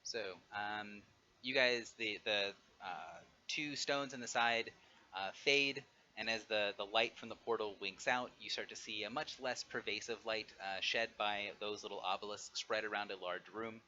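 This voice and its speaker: A man running an online tabletop game as game master, explaining and narrating in a halting way. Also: fairly low pitch, sharp tone. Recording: dull audio with faint noise.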